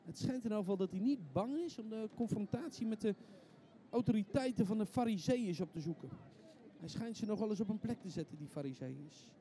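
Preacher guy telling a bible story, gets intense, high voice, repeats words. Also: dark tone, a little hiss or hum. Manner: vivid, building intensity, repeats words when restarting. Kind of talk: storytelling sermon to an audience.

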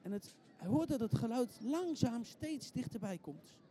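A man's voice: extremely high pitch, lively intonation, a little slow, dark tone, a little hiss or hum. A man preaching in a storytelling sermon, vivid and building in intensity, repeating words as he restarts.

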